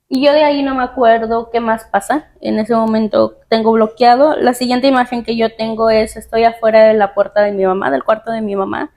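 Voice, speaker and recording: A woman telling her personal story in a soft, hesitant way, pausing often and using fillers. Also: a little high. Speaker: guest sharing her testimony. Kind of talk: personal testimony in conversation.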